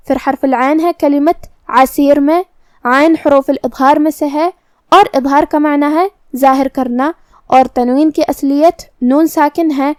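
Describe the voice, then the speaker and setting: A woman teaching Quran recitation, explaining each letter's pronunciation slowly and precisely. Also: high voice, darkish tone, dry recording. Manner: slow, careful, precise articulation. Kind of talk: tajweed lesson, explaining letter by letter.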